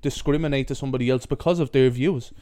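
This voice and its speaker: A man's voice: medium pitch, fast talker, mellow. A young man with a Dublin accent in casual podcast chat, sweary and colloquial, often repeating himself as he gives opinions. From Dublin, Ireland. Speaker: podcast co-host.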